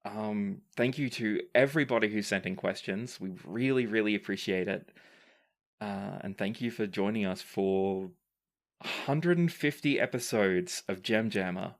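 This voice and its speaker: A podcast host and game master chats casually in a low-pitched, unhurried voice, sounding earnest and appreciative as he signs off. The group is recording remotely over a call.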